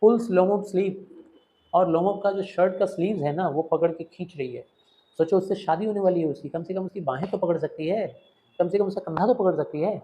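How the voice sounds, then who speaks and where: A male literature teacher walks his students through a play in an animated way. His voice sits a little high. He acts out each scene as he explains it. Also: a little fast, poor audio. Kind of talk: Hindi lesson explaining a play.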